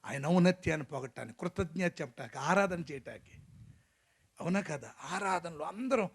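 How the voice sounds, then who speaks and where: A man preaching a lively, joking sermon as pastor to a congregation in a church hall, urging the crowd to shout. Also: on the high side, a little fast, gravelly, breathy edge.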